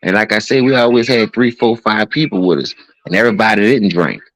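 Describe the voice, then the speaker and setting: A man's voice: on the low side, fairly quick, no echo, low-quality recording. A man, chatting casually on a podcast and telling loose, profane stories.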